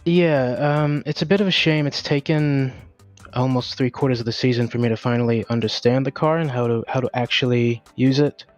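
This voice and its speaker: A racing driver, out of breath, answering post-race interview questions in a candid, hesitant way with many fillers. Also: male voice, mid-range voice, steady tone, brisk, lo-fi sound, soft background music.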